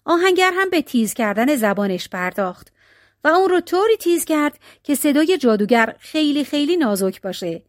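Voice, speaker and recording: A woman narrating a folk tale with a high, very lively voice. Her reading is expressive and dramatic. The sound is dry and close to the mic. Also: no room sound. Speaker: storyteller. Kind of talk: storybook narration.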